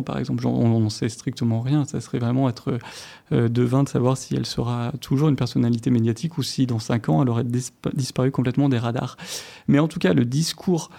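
Gravelly-voiced man, hesitant radio guest. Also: medium pitch, mellow. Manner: hesitant, many fillers and restarts. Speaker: guest researcher. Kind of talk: radio interview answers. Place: radio studio.

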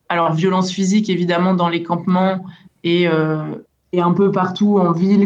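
Woman guest on a radio show, kinda flat delivery, lots of euhs and restarts, muffled lo-fi audio. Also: on the low side. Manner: hesitant, many fillers and restarts. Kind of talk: radio interview answer.

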